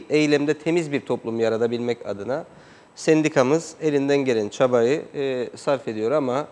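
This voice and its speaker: A man's voice: mid-range voice, a little mellow, long reverb tail. A man, a union leader answering interview questions in an earnest, emphatic way. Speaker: union leader, studio guest.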